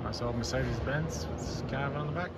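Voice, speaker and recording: A man chats casually as he wanders a large indoor museum hall, exclaiming over what he sees. His voice sits in a middle pitch and is caught on a handheld camera mic, with clear background noise all around. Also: fairly quick. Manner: enthusiastic, exclamatory remarks while walking. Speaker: vlogger. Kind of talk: casual museum walkthrough commentary. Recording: noisy handheld museum recording.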